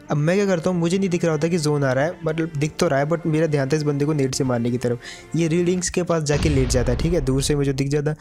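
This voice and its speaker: A man's voice: fairly high pitch, darkish tone. A man giving casual commentary over a mobile game match, chatty and addressing his viewers as brother.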